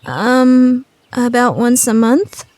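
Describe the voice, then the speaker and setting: In an anime fan radio play, a woman plays a prim, calculating high school girl who speaks with polite, formal diction. Her delivery is slow and a little mellow.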